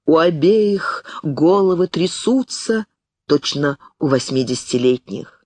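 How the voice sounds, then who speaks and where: A woman reading an audiobook in a measured, deliberate manner. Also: low voice, expressive, a little mellow, dry recording. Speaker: audiobook reader. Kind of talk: audiobook narration.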